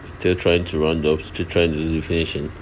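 A deep-voiced Nigerian man who builds ovens films his own work with a handheld phone, moving through his workshop and an outdoor street site. He narrates in a level, fairly quick tone, explaining each step and repeating himself. The phone video carries loud background noise.

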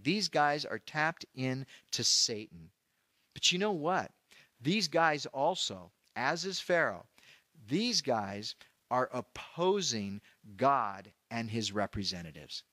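Animated, bright-voiced male pastor. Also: medium pitch, no echo. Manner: conversational, animated, acts out quoted voices. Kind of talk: verse-by-verse Bible teaching. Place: church.

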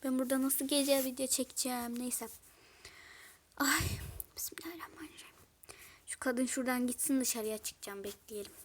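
A woman's voice: high-pitched, steady tone, moderate pace. A woman hosting a casual game role-play video, chatting in an exasperated way and often dropping to a whisper. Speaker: video host.

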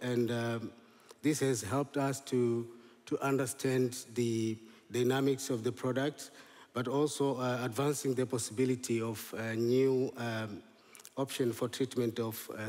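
Middle-aged Tanzanian-born man, conference presenter, halting delivery, mid pitch, big echoing hall. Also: a little mellow. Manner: hesitant, many fillers and restarts. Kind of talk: scientific conference talk. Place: large lecture hall, standing on stage. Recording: long hall reverb.

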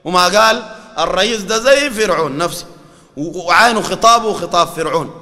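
A man with a Sudanese Arabic accent giving a colloquial sermon, animated and mocking, often quoting scripture. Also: high voice, quick pace, in a large hall. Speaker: preacher.

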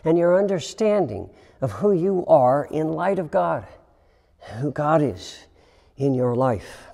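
A man preaching a sermon as pastor, slow and reflective, with dramatic pauses and hushed emphasis. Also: on the high side, lively intonation, vocal fry. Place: church sanctuary. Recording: long reverb of a church hall.

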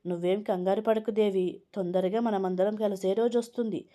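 An insistent middle-aged mother-in-law who coaxes and presses her point, read aloud by a woman. The tone is mellow and warm, and it is the voice of a storybook reading. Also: medium pitch, steady tone, normal speed, lightly acted. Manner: coaxing and pushy.

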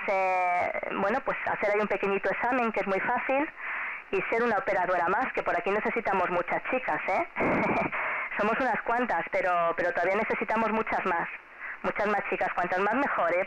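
Speaking a little fast at medium pitch, a middle-aged woman from Spain with a Spanish accent makes casual amateur radio contact with a child. She's encouraging and friendly and tends to repeat herself. The two-way shortwave transmission plays through a transceiver speaker, noisy and muffled.

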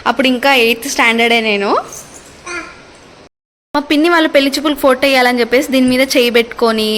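Young woman, family vlogger, casual chatty narration, playful asides, slightly high pitch. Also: fast, fairly bright tone. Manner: chatty, reminiscing over old photos with playful asides.

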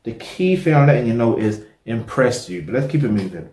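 A young man talks casually to his camera, rambling and circling back when he loses his thought. His voice sits at an ordinary middle pitch. The small room gives it a noticeable echo. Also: expressive, brisk, dark tone. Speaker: reaction video host. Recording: roomy echo.

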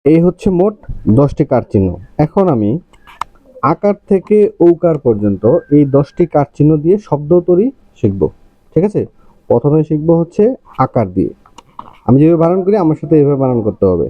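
Deliberate teacher, dry and dull sound. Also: male voice, a little high, big pitch swings, no room sound. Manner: slow, deliberate, repeats each spelling. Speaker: primary school teacher. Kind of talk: slow spelling drill. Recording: dry, somewhat dull recording.

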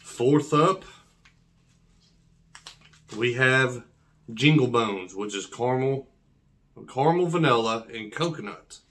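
A coffee review vlogger in his thirties unboxes a product, chatting in casual slang and often repeating himself. His voice is mid-range and fairly bright, with a measured pace and a whistling s. Background noise and clicks are clearly audible.

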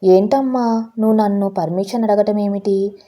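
A woman voicing a calm, brave young daughter, speaking gently and reassuringly. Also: mid-range voice, normal speed, natural voice.

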